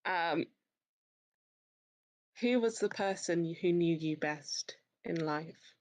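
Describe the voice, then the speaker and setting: A woman takes her turn in a tabletop game, describing what her character does. She speaks slowly, in a low voice. She hesitates often and fills the pauses. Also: low-quality recording. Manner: hesitant, with many fillers. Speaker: player.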